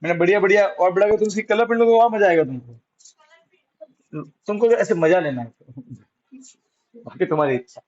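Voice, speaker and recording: A man's voice: high voice, a little fast, long pauses, a little mellow, highs cut off. A male science teacher, teaching a classroom physics lesson, coaxing students and answering his own questions.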